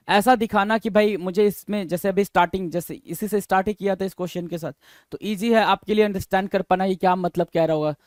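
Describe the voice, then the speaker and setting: A man teaches exam vocabulary, moving between Hindi and in a fairly high voice. He drills each answer over and over, spells it letter by letter and fires questions back at the listener. The recording is close and dry, with no room sound. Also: darkish tone, no room sound. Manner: asks the viewer questions and answers them himself.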